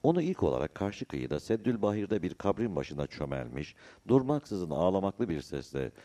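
A man narrates a novel in a measured storytelling manner. His voice is very low and dark in tone, yet it rises and falls expressively as he reads. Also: very animated. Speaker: audiobook narrator.

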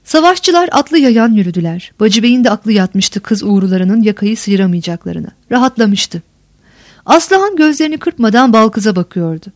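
A woman narrating a historical novel in a measured storytelling manner. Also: mid-range voice, animated, a little mellow, no room sound, studio quality. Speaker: audiobook narrator. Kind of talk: audiobook reading of a historical novel.

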